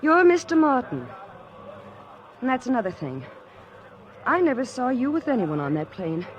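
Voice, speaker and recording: A woman acting a haughty, theatrical young lady in a 1940s radio drama, with crisp delivery. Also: a little high, big pitch swings, normal speed, highs cut off. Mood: indignant. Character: indignant haughty young woman brushing off accusations. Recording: noisy vintage radio recording.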